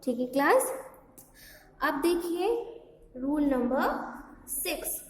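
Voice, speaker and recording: Slow high-voiced woman teacher, echoey hall. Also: expressive, recorded from a distance. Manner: slow, spells words letter by letter, mixes Hindi and English; asks the class questions and checks "okay?". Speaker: English teacher. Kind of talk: classroom grammar lesson. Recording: echoey hall with faint background noise.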